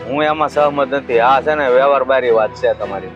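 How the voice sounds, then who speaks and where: A middle-aged man speaks in a calm, reasoning way at a mid pitch. Faint music sits under his voice. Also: brisk, lo-fi sound. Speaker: husband, father. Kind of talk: village family drama acting.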